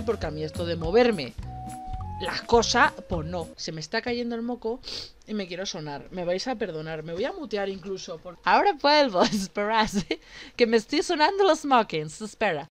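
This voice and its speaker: A young woman, chatting casually as she plays a horror game, cursing and shouting in fright. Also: mid-range voice, big pitch swings, moderate pace, faint music behind. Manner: swearing, jokey, exclaims loudly in fright. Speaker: gaming streamer.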